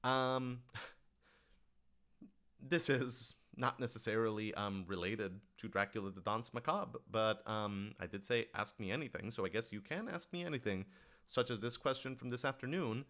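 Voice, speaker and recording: On a question-and-answer livestream, a writer-director answers audience questions in a mid-range, slightly bright voice. He speaks casually and earnestly at an unhurried pace, full of enthusiasm and prone to rambling asides.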